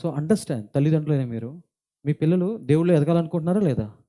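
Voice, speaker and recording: A middle-aged man delivers a church sermon, speaking slowly and deliberately and building in intensity. His voice sits a little high for a man. Its tone is very dark and mellow. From India. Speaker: pastor. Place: church hall.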